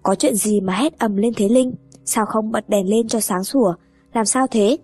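A woman's voice: medium pitch, moderate pace, darkish tone, husky, faint music behind, natural voice. A woman voicing an anxious older mother-in-law. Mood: alarmed.

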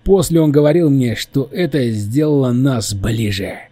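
A boastful, simple-minded jock from an audiobook, put on by a male reader. He sounds cheerful and proud of himself, with a raised, brighter pitch over a husky, dark base. The recording is dry and close. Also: lively intonation, normal speed, dry recording, close to an everyday voice.

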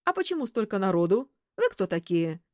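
A woman's voice: mid-range voice, sing-song, fairly quick, no room sound, clean studio sound, close to an everyday voice. A woman voicing an officious uniformed man who speaks in a demanding, official tone.

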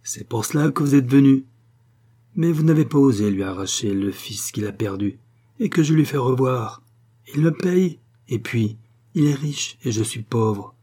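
A man reading the part of a pale male spirit medium who answers in a calm, low voice. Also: normal speed, husky.

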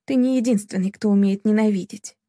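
A woman's voice: medium pitch, steady tone, fairly quick, dark tone, no echo, clean studio sound, lightly acted. A woman voicing a frightened but defiant young bride who pleads in a tense, upset voice. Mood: взволнованно.

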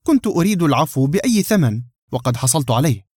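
A man's voice: on the high side, big pitch swings, fast, a little mellow, husky, no room sound, studio quality. A man voicing an anxious, self-protective middle-aged barber in an audiobook, speaking earnestly.

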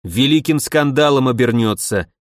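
A man voicing an authoritative general giving brisk orders, in an audiobook reading. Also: mid-range voice, dry recording, clean studio sound, lightly acted. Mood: stern. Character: authoritative male general on the telephone.

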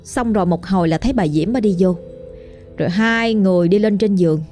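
A woman's voice: mid-range voice, a little fast, darkish tone, soft background music. Chatty woman with a Southern Vietnamese accent. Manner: chatty, colloquial, addressing the listener directly. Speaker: ghost story narrator. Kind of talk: storytelling narration.

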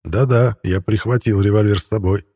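A man reads a first-person fantasy audiobook in a wry, conversational way. His voice sits low with a husky edge, recorded close and dry. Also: steady tone, moderate pace, mellow, no room sound. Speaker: audiobook narrator.

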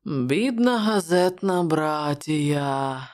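A woman's voice: deep voice, animated, very slow, darkish tone, heavily acted. A woman voicing a jovial, wry male journalist who talks in a bantering way.

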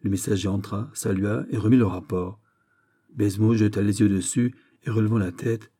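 A man reading a classic novel aloud in a measured, steady storytelling manner. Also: lowish voice, breathy edge. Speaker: audiobook reader. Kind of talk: literary audiobook narration.

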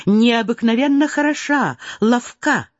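A woman reading a storybook voices an imagined clever, kind man who speaks in a measured, praising way. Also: on the high side, no echo, pitched above the performer's own voice. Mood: admiring. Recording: slightly dull dry recording.

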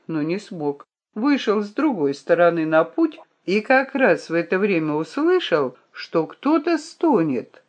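A woman reading a first-person audiobook narration in an expressive storytelling manner. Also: medium pitch, dull audio.

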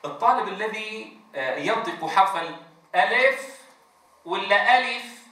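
A man's voice: high voice, lively intonation, a little slow, pushed and bright. A man training Quran teachers in a lecture. He stretches out letter sounds to demonstrate them and keeps checking in with his class. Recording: very echoey room, distant mic.

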